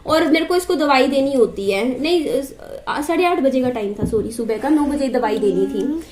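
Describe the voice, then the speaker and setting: Woman, young adult, high-pitched, chatty storyteller, repeats herself, echoey room. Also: animated, normal speed, a little mellow. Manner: chatty, repeats herself, asides to her child. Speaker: vlogger. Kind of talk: casual storytelling to camera.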